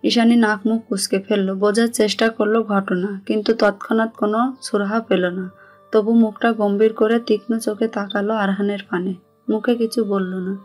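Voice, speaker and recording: At a normal speed, a woman with a Bangladeshi accent reads a romantic story in an even, level manner. Her middle-range pitch hardly shifts, and soft music accompanies her.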